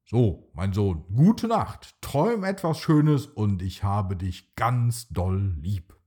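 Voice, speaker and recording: A man voicing a kind, patient father dinosaur in a bedtime storybook, speaking in a gentle, fatherly tone. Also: lowish voice, big pitch swings, takes it slowly, breathy edge, heavily acted.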